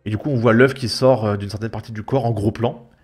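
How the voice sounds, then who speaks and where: With background music behind him, a young male YouTube commentator talks fast in a lowish, steady voice that has a breathy edge. His reaction commentary is casual and mocking, full of slang, sarcasm and exasperation.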